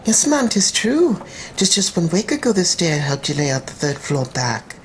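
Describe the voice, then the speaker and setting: In a dramatized story reading, a woman with a lowish voice plays Irish landlady housekeepers, older women who are gossipy, businesslike, flattering, and deferential, with a folksy manner. Her delivery is very animated at a moderate pace, the mood gossipy and conspiratorial, with a little hiss or hum.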